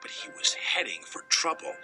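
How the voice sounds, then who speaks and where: A man's voice: moderate pace, music in the background, poor audio. A man narrating a children's train story, changing his voice for each character. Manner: lively, shifts pitch for each engine voice. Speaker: narrator voicing all characters.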